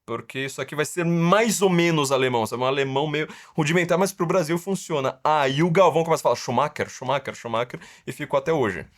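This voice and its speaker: On the casual podcast he hosts, a middle-aged Brazilian man talks at a quick pace with few pauses, his voice on the high side. His Brazilian Portuguese accent comes with a sarcastic, mocking tendency to stretch words for emphasis.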